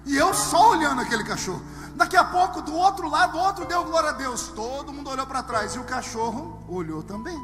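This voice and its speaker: A man preaching a sermon to a live congregation, telling humorous stories and swinging from hushed asides to shouted lines. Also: very high voice, expressive, a little fast. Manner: humorous storytelling. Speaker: pastor. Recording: long hall reverb with music underneath.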